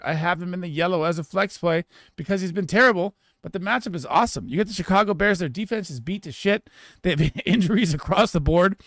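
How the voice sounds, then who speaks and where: A man giving casual fantasy football start and sit analysis in an emphatic, rapid way, often restarting his sentences. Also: high voice, fairly bright tone, dry recording, studio quality.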